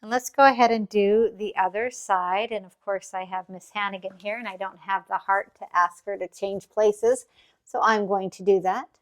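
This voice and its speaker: A woman teaching yoga as a calm guided grounding exercise, gently and encouragingly instructing. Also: mid-range voice, normal speed.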